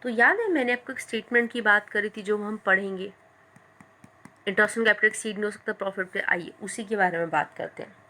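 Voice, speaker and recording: A woman teaches a class in a bright voice at an ordinary pitch. She explains each point step by step and slows down to read English lines aloud. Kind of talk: classroom-style lecture.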